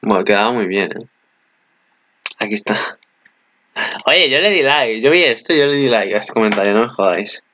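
A man with a Peninsular Spanish accent giving casual, excitable video commentary and swearing freely. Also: on the low side, moderate pace, pauses often, highs cut off, a little hiss or hum. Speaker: anime commentator.

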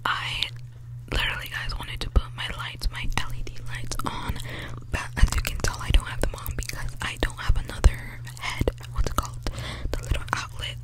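A teenage young woman whispering a casual, rambling ASMR talk in a breathy, unvoiced whisper, very close to a desktop microphone. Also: normal speed, rough recording. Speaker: ASMR creator. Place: small bedroom, indoors. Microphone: desktop condenser mic, very close.

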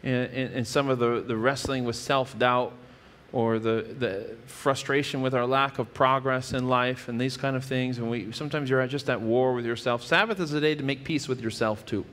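A man in his thirties delivers a sermon from a church stage, working through scripture in an earnest, teacherly way. His voice sits at an ordinary middle pitch and trails into a lingering hall reverb, with small restarts as he finds his words. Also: fairly even intonation, normal speed, few pauses, a bit bright. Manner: earnest, explanatory preaching with frequent restarts. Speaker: pastor. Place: church stage with wood-paneled wall.

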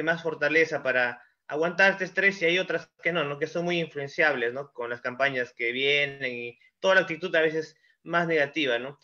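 Bright-voiced male webinar moderator. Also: a little high, lo-fi sound. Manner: hesitant, many fillers.

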